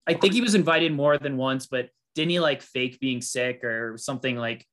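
A man's voice: mid-range voice, normal speed. Chatty man recapping a show. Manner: rambling, filler-heavy, animated when quoting. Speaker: podcast co-host. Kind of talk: casual chat recapping a reality show.

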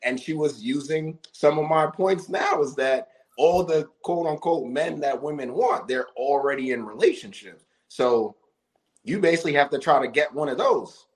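A man co-hosting a casual talk show, telling stories in an animated, laughing way. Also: fairly high pitch, moderate pace. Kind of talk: casual chat.

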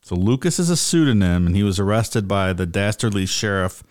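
A man's voice: lowish voice, animated, brisk, a little mellow. A man co-hosting a podcast, chatting casually with wry, joking asides. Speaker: podcast co-host. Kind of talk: casual chat.

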